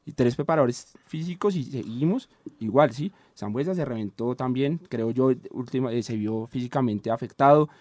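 A man's voice: mid-range voice, moderate pace, hardly any pauses, darkish tone, dry recording. A man argues football on a talk show, circling back over his points and checking in with his listeners as he goes. His voice sits in a middling register and is recorded dry, with no room sound behind it. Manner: rambling, many restarts and "¿sí?" tags. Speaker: sports talk co-host. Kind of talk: casual football debate.

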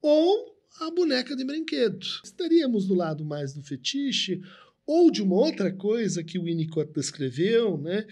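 A man's voice: high-pitched, very animated, moderate pace, darkish tone. Man explaining psychoanalysis, lecturing. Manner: lecturing, frequent "né?" tags. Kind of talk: conversational discussion, explaining concepts.

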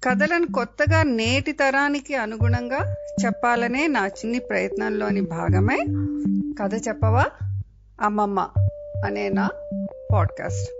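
An older woman hosting a storytelling podcast, narrating children's tales in a lively way and voicing the characters. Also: a little high, measured pace, gravelly, dull audio, over loud music.

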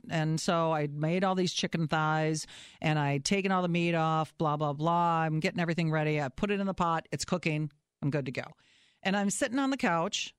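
A middle-aged woman telling lively, self-mocking stories in casual chat, acting out her own shouts. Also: lowish voice, clear, resonant tone, no echo, clean studio sound.

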